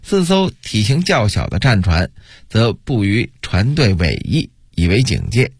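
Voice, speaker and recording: A male storyteller narrating a historical tale for radio in an expressive, rising and falling delivery, recorded at a studio microphone. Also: fairly low pitch, a little slow, slightly rough, no room sound.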